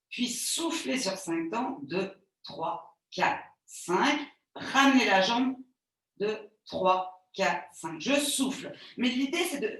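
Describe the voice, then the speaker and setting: A woman pilates instructor giving calm, soothing step-by-step cues and counting breaths for a live class. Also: medium pitch. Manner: calm, soothing, gently reassuring. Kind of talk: guided exercise class. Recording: very echoey room, voice far from the mic.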